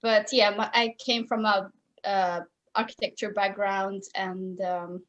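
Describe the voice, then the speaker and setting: A woman's voice: mid-range voice, little pitch movement, measured pace, fairly bright tone, lo-fi sound. A woman in her thirties from Iraq, speaking as a podcast guest over a video call, hesitant and searching for words. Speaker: guest, concept artist. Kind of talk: podcast interview. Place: room at home.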